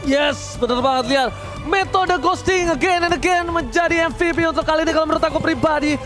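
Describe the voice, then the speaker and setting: An Indonesian man commentating an esports match like an excited fighting-game announcer, with hyped, drawn-out shouted calls. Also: very high-pitched. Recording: music behind the voice. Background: music.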